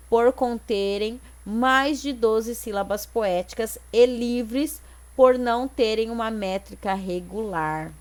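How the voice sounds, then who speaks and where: A Brazilian woman teacher explaining exercises step by step in an online lesson, with frequent tag questions to check that her students follow. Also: a little high. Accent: Brazilian Portuguese. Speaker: Portuguese teacher.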